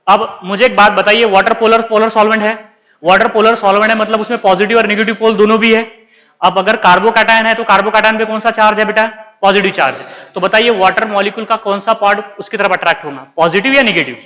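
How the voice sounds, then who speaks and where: Indian man, chemistry lecture, high bright voice, quizzes students constantly, hall reverb. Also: fairly even intonation, fast. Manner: keeps quizzing students and answering himself, calls them beta. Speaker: chemistry teacher. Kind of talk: classroom lecture.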